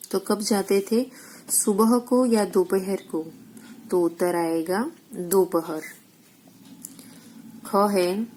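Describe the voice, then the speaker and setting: A woman's voice: medium pitch, warm tone, low-quality recording. A woman teacher goes through textbook exercises, asking questions and answering them herself, with English words mixed in. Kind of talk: recorded school lesson, explaining textbook exercises.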